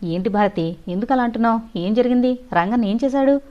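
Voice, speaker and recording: A woman's voice: a little high, fairly quick, close to an everyday voice. A woman voicing a stern, suspicious male householder, in a storybook reading. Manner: stern, harsh. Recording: dull lo-fi recording.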